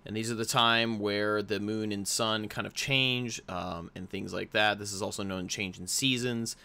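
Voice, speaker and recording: A man's voice: on the low side, fairly even intonation, moderate pace, pushed and bright. A young American man in his twenties hosting a casual explainer, rambling with frequent fillers and restarts. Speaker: host.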